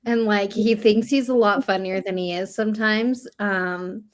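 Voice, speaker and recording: A woman's voice: mid-range voice, fairly even intonation, measured pace. Chatty woman telling stories. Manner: chatty storyteller, many "like" fillers. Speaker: host. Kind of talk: casual chat.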